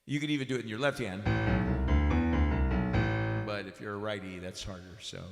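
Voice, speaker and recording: A man teaching piano and singing in a relaxed, casual way, his voice drenched in added hall reverb. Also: fairly low pitch, normal speed. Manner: relaxed, demonstrates while explaining. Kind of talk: casual spoken lesson at the piano. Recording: big echoey hall reverb with loud piano.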